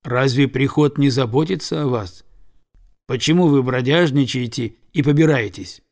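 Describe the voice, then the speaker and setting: A man's voice: mid-range voice, normal speed, darkish tone, natural voice. A man reading a stern grumbling farmer. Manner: gruff and stern.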